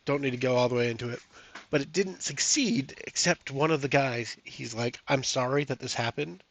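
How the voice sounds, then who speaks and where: A man with a medium-pitched voice speaks at normal speed while live-streaming a solo tabletop game. He reads out the rules and chats casually with viewers, thinking aloud with lots of fillers.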